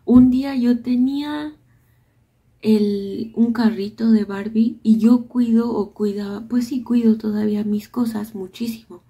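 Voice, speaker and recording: Woman vlogger; dark, breathy voice; soft-spoken storytelling. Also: on the high side, fairly even intonation, measured pace. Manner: soft-spoken, often drops to a near whisper. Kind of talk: casual storytelling of childhood memories.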